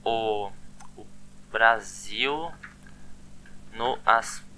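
A man's voice: lowish voice, extremely slow, pushed and bright, a little hiss or hum. A man giving a casual online language lesson, chatty and often repeating words with a questioning "né?". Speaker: language teacher.

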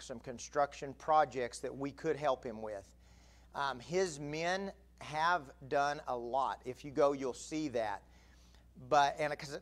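A middle-aged man, an assistant pastor giving announcements and then preaching with growing emphasis in a church sanctuary. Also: medium pitch. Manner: conversational, rising to emphatic preaching. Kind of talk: announcements and sermon. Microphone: pulpit mic, far camera.

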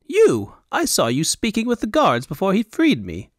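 A man voicing a foppish, talkative male noble with a high, affected fantasy accent, in a storybook audiobook. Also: wildly swooping pitch, moderate pace, dry recording, clean studio sound. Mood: excited. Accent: high Elvunian fantasy accent. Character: foppish high-voiced male Elvunian noble, flamboyant and chatty.

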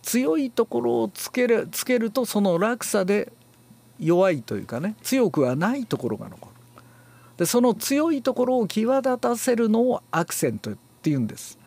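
A man giving a spoken lecture as an announcing and reading instructor, unhurried and explanatory, pausing often on fillers and stressing key words firmly. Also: high-pitched, big pitch swings, vocal fry, a little mellow. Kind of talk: spoken lecture on speech theory.

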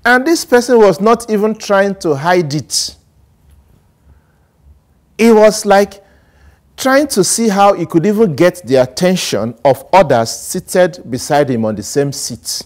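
A male priest speaks slowly while giving an animated homily, using sweeping gestures and swinging between loud emphasis and low asides. He's recorded indoors on a lapel mic in a small studio set decorated with plants.

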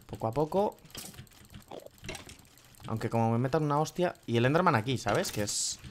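A man with a Spain Spanish accent commentates his game casually, swearing freely and yelping when things go wrong. His voice sits in an ordinary middle pitch. Faint keyboard clicks and low noise sit behind him. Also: lively intonation, moderate pace. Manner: swears often, cries out in sudden yelps. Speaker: gaming youtuber.

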